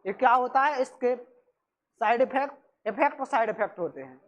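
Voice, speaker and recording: A woman lectures a room of students. She fires off quick questions, answers them herself and repeats each key term until it sticks. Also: on the high side, lively intonation. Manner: repeats key terms, brisk and chatty with students. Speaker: coaching-class teacher. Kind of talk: classroom lecture for exam prep. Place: classroom with students.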